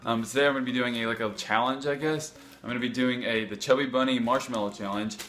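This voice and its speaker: A young adult man vlogs casually to camera from his home kitchen, rambling and adding unsure asides. His medium-pitched, slightly bright voice is steady in tone and fast.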